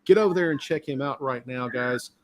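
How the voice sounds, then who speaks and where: A man's voice: medium pitch, brisk. Rambling, chatty middle-aged man. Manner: rambling, talkative, lots of fillers. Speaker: live stream host. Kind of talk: casual live-stream chat.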